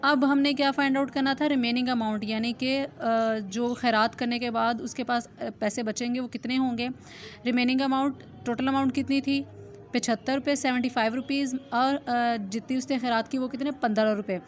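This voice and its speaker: A woman's voice: sits high, fairly even intonation, brisk. A woman teaching a maths lesson in a recorded online class, working through a percentage problem step by step and asking check questions as she goes. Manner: step-by-step explaining with check questions and "theek hai ji".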